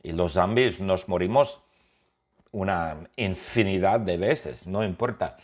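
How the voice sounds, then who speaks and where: A man's voice: low voice, takes it slowly, voice pushed down. A man voicing a dim, cheerful zombie hamster who rambles through his story with sound effects. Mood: goofy.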